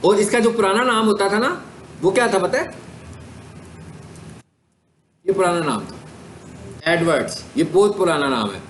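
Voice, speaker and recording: A man's voice: high voice, animated, a little fast. A man with a Pakistani accent lecturing a class on digital marketing, asking questions and answering them himself as he explains step by step. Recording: echoey room, faint background hiss.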